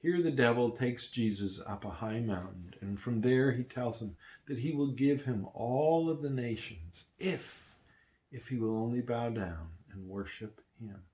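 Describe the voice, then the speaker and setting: A man's voice: mid-range voice, measured pace, warm tone. Man preaching with dynamic emphasis. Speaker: pastor. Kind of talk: sermon.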